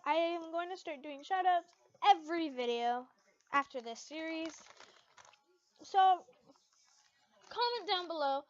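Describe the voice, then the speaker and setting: Her voice extremely high and animated, a young woman unhurriedly narrates first-person fan fiction with frequent pauses, then chats casually to her channel's followers to close out the vlog. The home recording sounds dull and lo-fi.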